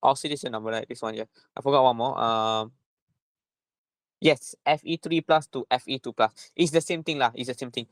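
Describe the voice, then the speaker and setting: A man's voice: medium pitch, steady tone, fairly quick, dry recording. A man with a Malaysian accent giving an informal lesson as a tutor, repeating himself and often tagging phrases with little checking words. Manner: repetitive, punctuating with "right?" and "lah". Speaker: chemistry tutor.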